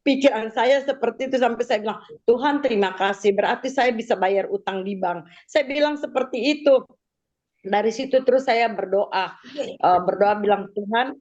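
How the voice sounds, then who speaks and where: Woman, church testimony speaker; high-ish register, hesitant, earnest delivery; muffled lo-fi capture. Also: a little mellow. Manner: halting retelling with frequent hesitations; earnest, acts out the prayers she spoke. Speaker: church member giving testimony. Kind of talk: personal testimony at a prayer service. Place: church prayer gathering. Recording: dull lo-fi recording.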